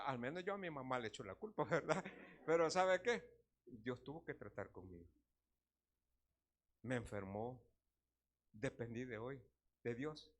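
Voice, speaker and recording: A man preaching a sermon. He tells stories and asks the congregation questions. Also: mid-range voice. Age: 60s. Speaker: pastor.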